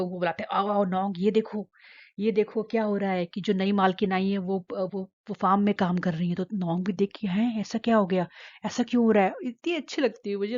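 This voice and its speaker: A woman's voice: fairly low pitch, muffled recording. A woman casually retelling a drama episode, hesitating with many filler sounds and restarts and speaking the characters' lines in her own voice. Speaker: drama recap narrator.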